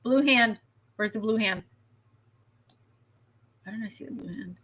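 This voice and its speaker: A woman meteorologist giving a live weather stream, animated and chatty, repeating herself and reacting to viewer comments. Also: fairly high pitch, a little slow.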